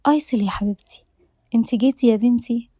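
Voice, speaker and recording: A woman's voice: on the high side, fast, no room sound, close to an everyday voice. A woman voicing a kind, frail older mother who speaks tenderly, with an Egyptian accent. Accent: Egyptian Arabic. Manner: tender, soft-spoken.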